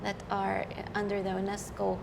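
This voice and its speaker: A middle-aged woman from Lebanon with a gravelly voice, speaking unhurriedly as a podcast guest. Her words trail into a long reverb, with clear noise around her. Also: medium pitch, completely flat delivery. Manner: warm, unhurried storytelling with fillers. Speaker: guest, professional violinist. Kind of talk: casual interview chat.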